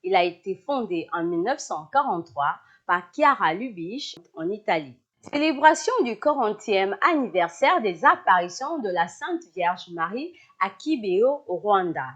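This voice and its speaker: Woman, news presenter, lively intonation, scripted narration, slightly muffled audio. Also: mid-range voice, normal speed.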